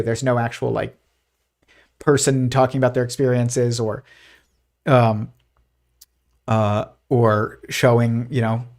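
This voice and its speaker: A man's voice: medium pitch, darkish tone. A man hosting a live physics stream, talking casually and rambling with lots of fillers and restarts. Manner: puts on a posh old-timey voice when quoting. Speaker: host of a live physics show.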